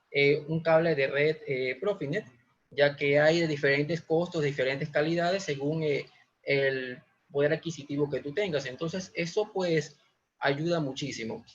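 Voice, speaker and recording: A young man with a Guayaquil accent gives a live online lesson from a small room. His voice sits fairly high, and he explains step by step with frequent "eh" fillers. The audio comes through a laptop on a video call and sounds dull and muffled. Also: normal speed. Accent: Ecuadorian Spanish, Guayaquil. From Ecuador. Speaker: automation instructor. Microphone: webcam or laptop mic on video call.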